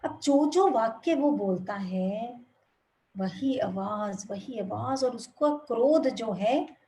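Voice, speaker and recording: A woman giving a spiritual talk over a video call, narrating a moral story gently and expressively. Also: fairly high pitch, expressive, slow, a little hiss or hum. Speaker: spiritual speaker.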